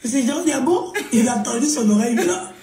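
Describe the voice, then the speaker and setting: A woman with an Ivorian French accent narrates a comic story in a lively way and acts out the scenes. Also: high voice, fast, creaky, reverberant, background noise.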